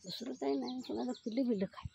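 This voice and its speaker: High-voiced woman vlogging outdoors. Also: rapid-fire, gravelly, background noise. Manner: calls out loudly to cats and hens, chats with neighbours. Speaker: village vlogger. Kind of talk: casual walking vlog narration. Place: outdoors in a village lane.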